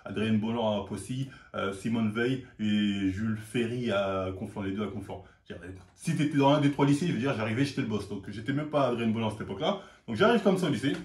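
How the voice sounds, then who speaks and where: A young man from the telling a story casually, with slang and an animated, acting-out delivery. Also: lowish voice, quick pace, few pauses. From France, Paris suburbs. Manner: animated, slangy, acts out quoted lines. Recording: roomy echo.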